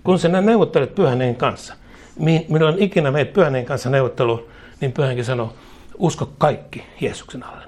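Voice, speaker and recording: A man's voice: medium pitch, a little mellow. A man preaching a charismatic sermon in emphatic, rhythmic repeated phrases, chuckling now and then.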